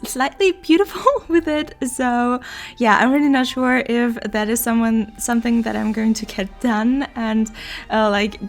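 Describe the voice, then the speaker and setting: A woman's voice: on the high side, creaky. A young woman in her twenties chatting in a casual voiceover, her voice nasal and congested from allergies, laughing often between words. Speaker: game building content creator.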